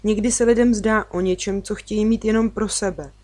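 A calm, wise girl from a children's storybook, read by a woman explains strange things patiently. She speaks in a steady, knowing way. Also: medium pitch, no echo, close to an everyday voice. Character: Nala, calm wise girl guide through dreams.

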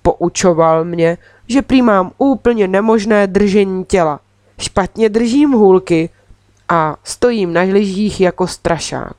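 Woman audiobook reader, expressive storytelling, close dry recording. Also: mid-range voice, no echo. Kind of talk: storybook narration in first person.

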